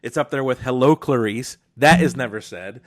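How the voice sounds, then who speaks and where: A man's voice: mid-range voice, moderate pace. Chatty man co-hosting a film podcast. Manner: animated, quoting film lines, many restarts. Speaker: podcast co-host. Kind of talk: casual film discussion.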